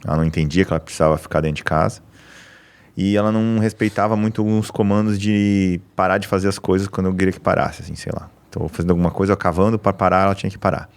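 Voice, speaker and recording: A man's voice: sits low, rapid-fire, clean tone. A man hosting a podcast, chatting casually and telling a personal story about his dog. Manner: relaxed, tells personal anecdotes. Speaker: podcast host.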